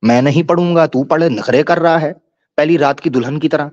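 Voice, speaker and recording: A man's voice: on the high side, fairly quick, a little mellow, dry recording. A man hosting a live-stream debate, ranting in a taunting, mocking and crude way. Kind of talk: combative live-stream rant. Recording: dull lo-fi stream audio.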